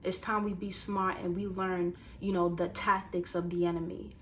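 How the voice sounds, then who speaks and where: A woman in her twenties, casually telling a personal story to viewers and turning it into motivational advice, animated and talking straight to the audience. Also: on the low side, moderate pace, slight background noise. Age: 20s. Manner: animated, conversational, addresses viewers directly. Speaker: vlogger.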